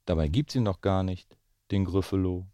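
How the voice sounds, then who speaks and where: A man reading a rhyming children's book aloud, slow and expressive. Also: deep voice, dry recording, studio quality. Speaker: goalkeeping coach reading aloud.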